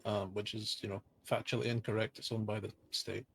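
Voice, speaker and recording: A man giving improvised courtroom testimony as a justice, explaining in a measured, hesitant way. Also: lowish voice, little pitch movement, vocal fry, husky. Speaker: witness, a justice in role-play.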